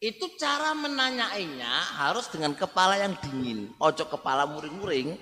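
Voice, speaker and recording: A man's voice: a little high, big pitch swings, normal speed, pushed and bright, slight background noise. A man with an East Javanese accent giving an Islamic study lecture in a conversational way, repeating words and often turning to his listeners. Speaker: Islamic religious teacher. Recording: reverberant hall.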